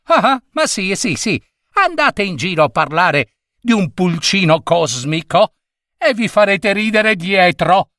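Man voicing a tiny alien chick commander, bossy, self-important, high pitched, leaping tone. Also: expressive, unhurried, no echo, clean studio sound, exaggerated voice. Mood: lecturing. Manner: lecturing, sharp and self-important.

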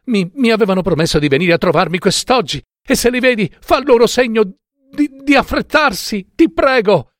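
A man's voice: high voice, expressive, moderate pace, a bit bright, no room sound, studio quality, voice pushed up. A man voicing a terrified young wife, pleading anxiously and breathlessly in a raised voice.

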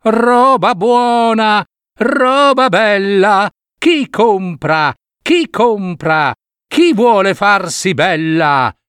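A man's voice: wildly swooping pitch, slow, fairly bright tone, no echo, clean studio sound, exaggerated voice. A man voicing a sly old peddler woman in a storybook reading, calling out her wares and coaxing sweetly. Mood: hawking. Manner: shrill hawker's calls, coaxing.

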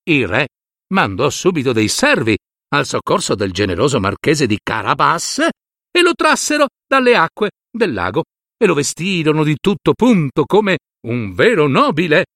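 A man narrating a fairy tale in a scripted, expressive way, stretching out key words. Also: dry recording, studio quality. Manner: expressive, with dramatic swings of pitch and slowed key words. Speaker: storyteller.

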